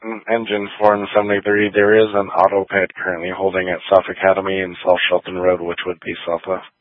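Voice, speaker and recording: A male dispatcher sends out calls over a two-way emergency radio at a quick pace. His deep voice stays level and flat from one word to the next. The channel sounds thin and tinny, dry and close. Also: no room sound. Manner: flat, matter-of-fact relaying of calls.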